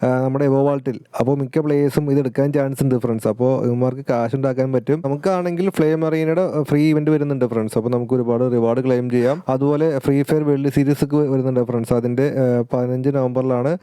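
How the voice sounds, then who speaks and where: Male gaming vlogger, very fast casual delivery, dark smooth tone, talks straight to his viewers. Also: medium pitch, steady tone, dry recording. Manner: chatty, keeps addressing viewers as friends and guys. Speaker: gaming YouTuber. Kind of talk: casual game update commentary.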